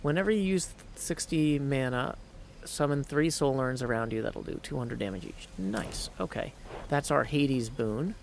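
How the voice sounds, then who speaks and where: A livestream host and gamer rambles casually through game commentary, talking to viewers and reading text aloud while video game sounds play behind him. His voice is medium-pitched and creaky, at a moderate pace, with a slight hiss or hum in the recording.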